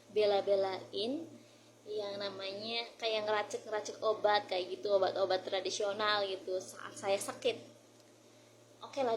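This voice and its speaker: A vlogger with an Indonesian accent chats casually about tips for learning English, mixing Indonesian with English phrases. Her voice is mid-range and the recording quality is low.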